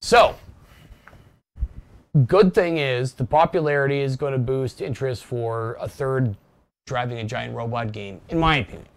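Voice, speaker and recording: A man co-hosting a casual gaming news podcast from home, excitable and swearing often as he rants. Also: mid-range voice, moderate pace, vocal fry. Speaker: podcast co-host.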